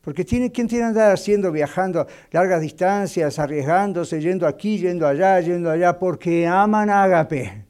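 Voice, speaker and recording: A male pastor leads a Bible study in a church classroom. His voice sits a little high but sounds mellow and dark. He talks conversationally, slipping in English fillers and checking in with the class. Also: animated, normal speed, few pauses. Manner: sprinkles English fillers and keeps asking the class "right?". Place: church classroom in the United States.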